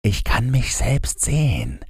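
A man reading a storybook aloud, voicing a vain, self-admiring flower in a soft dreamy tone. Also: mid-range voice, huge pitch swings, slow, gravelly, husky, no echo, studio quality, voice pushed up, exaggerated voice.

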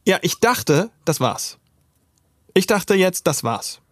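This is a young man sharing an anecdote as a guest. His delivery is expressive, and he often raises his voice to act out what others said. The recording is dry, with no room sound. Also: high-pitched, takes it slowly, no echo. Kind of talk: animated personal storytelling.

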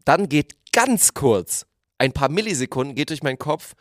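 A man in casual chat, telling his own sports story in a lively, self-mocking way. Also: on the high side, normal speed. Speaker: guest athlete.

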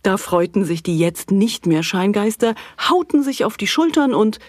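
A woman narrating a children's audio story in a playful, animated way. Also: mid-range voice, moderate pace, no room sound.

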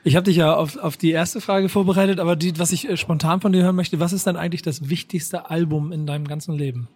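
Male interviewer, rapid and chatty, a touch high-pitched, casual talk show. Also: fairly even intonation, a little mellow, husky. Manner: quick, chatty, thinking aloud with fillers. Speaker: podcast host.

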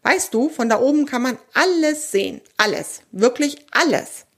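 A woman's voice: high-pitched, voice pushed up, full character voice. Woman doing a cheeky young squirrel boy. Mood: eager. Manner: quick, excited and cheeky. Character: cheeky young male squirrel, eager and skeptical. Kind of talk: children's audio story.

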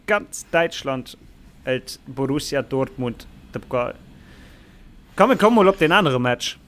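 Ein Mann mit luxemburgischem Akzent, Co-Moderator eines Sportpodcasts, plaudert locker, macht Witze und lacht oft. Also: male voice, mid-range voice, expressive, normal speed, a bit bright. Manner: joking, laughs often. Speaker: podcast co-host. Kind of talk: casual sports chat.

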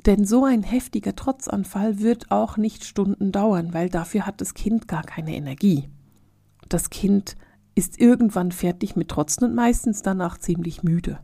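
A woman hosting a reflective podcast monologue, speaking straight to the listener and often dropping into soft, whispery phrases. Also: medium pitch, unhurried, gravelly, no echo, studio quality. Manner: addresses the listener directly as "du". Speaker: podcast host.

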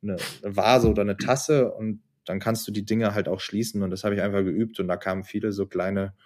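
A man's voice: lowish voice, fairly even intonation, normal speed, a little mellow. A man chatting casually as a podcast guest, telling a story animatedly and laughing often. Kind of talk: casual chat.

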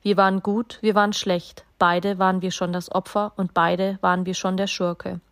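A woman voicing a kind, loving soul in a storybook reading, speaking quietly and low, half in a whisper. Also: flat delivery, normal speed, no echo, studio quality, natural voice. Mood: tender.

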